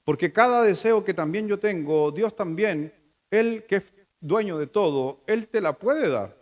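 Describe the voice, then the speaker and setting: A middle-aged Chilean man delivers a sermon from the pulpit, his voice pitched noticeably high for a man. He talks to the congregation as if chatting, tossing them rhetorical questions. Now and then he stumbles and restarts a phrase. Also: expressive, a little slow, highs cut off. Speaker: pastor.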